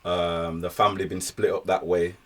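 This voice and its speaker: A man's voice: deep voice, flat delivery, moderate pace, a bit bright. A man hosting a podcast interview in a studio, asking questions and often murmuring agreement. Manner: encouraging, frequent backchannel agreement. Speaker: podcast host. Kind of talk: casual interview.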